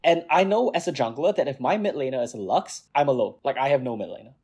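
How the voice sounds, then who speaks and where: A man with a husky, slightly rough voice, chatting casually on a gaming podcast. He gets excitable and worked up, and his pitch swings widely as he rants. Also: quick pace. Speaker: podcast co-host, jungle player.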